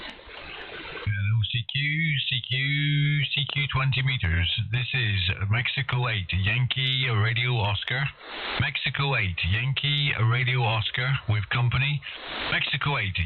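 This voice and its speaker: A man working as an amateur radio operator, calling CQ and repeating his call sign in a measured, repetitive way. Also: mid-range voice. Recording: narrow tinny band with clear hiss.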